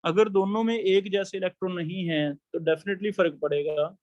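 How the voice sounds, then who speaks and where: High-voiced male chemistry teacher. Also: fairly even intonation, moderate pace, darkish tone, no room sound, dull audio. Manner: explains step by step, asks students questions. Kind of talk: classroom lecture.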